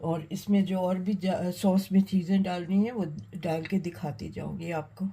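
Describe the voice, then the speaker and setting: A woman hosting a cooking demonstration, talking unhurriedly while she cooks, with many pauses and fillers. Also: fairly low pitch, fairly even intonation, creaky, warm tone, slightly rough, low-quality recording. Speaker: cooking channel host.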